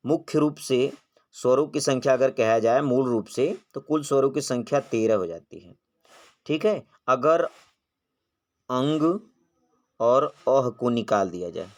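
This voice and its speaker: In this exam-prep grammar lesson, a man with a mid-range voice questions the class and then answers himself. Demonstrated vowel sounds come out drawn-out.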